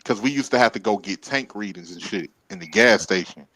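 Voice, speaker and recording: A man casually telling stories about his trucking work, animated and getting loud when he acts out confrontations. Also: on the low side, fairly quick, no room sound, poor audio. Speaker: podcast co-host. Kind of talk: casual storytelling.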